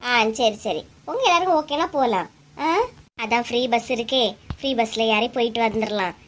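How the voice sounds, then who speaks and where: A woman's voice: on the high side, animated, a bit bright, slight background noise. A woman with a Kanyakumari Tamil accent voicing chatty, gossiping village women neighbors in a cartoon. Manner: chatty, teasing, rapid back-and-forth. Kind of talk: cartoon voice acting.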